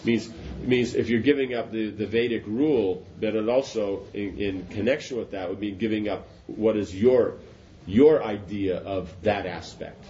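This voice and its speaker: A spiritual teacher with a low, mellow voice muses on spiritual life at a normal speed in an informal philosophical talk. He rambles, repeats and restarts himself, and asks "does that make sense?", captured on a dull lo-fi recording with faint noise.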